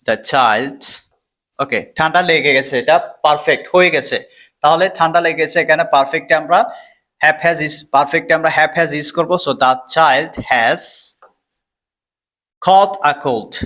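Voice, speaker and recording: A man's voice: a little high, pushed and bright. A man giving a step-by-step English vocabulary lesson, repeating words and asking himself questions as he explains. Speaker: English teacher.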